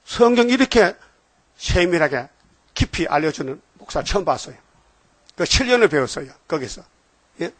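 A man's voice: a little high, sing-song, moderate pace, pauses often, fairly bright tone, dry recording. Emphatic older male preacher. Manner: emphatic, keeps prompting the congregation. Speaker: pastor. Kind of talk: sermon.

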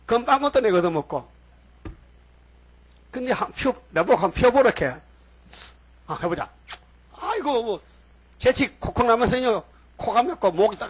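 A man's voice: high voice, slightly rough. A man preaching as a pastor in a church, in a rambling style that keeps putting questions straight to the congregation. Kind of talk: sermon.

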